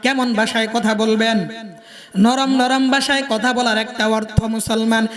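A man's voice: very high-pitched, fairly even intonation, measured pace, big-room sound. A man preaching a sermon in a Jamalpur Bengali accent, in a singsong delivery that keeps quizzing the crowd.

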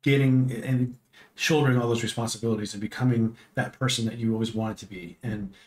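A man's voice: mid-range voice, fairly even intonation, brisk. Fifties man, guest on a home podcast, rambling talker with many restarts. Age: 50s. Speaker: podcast guest, host's father. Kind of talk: casual chat. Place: home streaming room.

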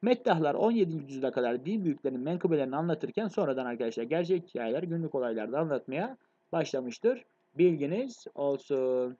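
A man gives a rapid exam review lecture, with a mellow tone and a voice pitched a bit high. He keeps turning to his students and checking that they are following. The recording is dull and lo-fi. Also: animated. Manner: fast, addresses students as friends, frequent checks. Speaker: literature teacher.

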